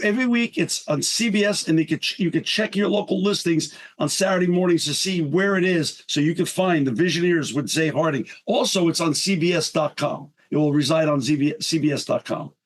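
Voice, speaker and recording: A man's voice: on the high side, quick pace, hardly any pauses. A man hosting an interview podcast, upbeat and enthusiastic as he welcomes and questions his guest. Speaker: podcast host. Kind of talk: interview podcast with read sponsor ads.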